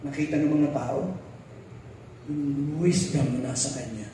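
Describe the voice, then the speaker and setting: A man's voice: fairly high pitch, measured pace, dark tone, slight background noise. A Filipino man preaching a sermon as pastor, switching between Tagalog and English and acting out the people in his stories. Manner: mixes English into Tagalog, acts out quoted voices. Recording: very echoey hall, mic far off.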